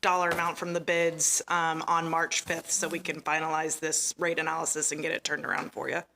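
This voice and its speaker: A woman on town staff briefs the council in a matter-of-fact way, her low voice carrying a bright, crisp edge. Faint noise sits under her words. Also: monotone, a little fast. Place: council chamber.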